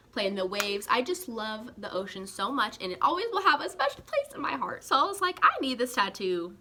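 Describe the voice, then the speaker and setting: A young woman from California chatting casually to camera as a vlogger, animated and full of "like" and "guys". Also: fairly high pitch.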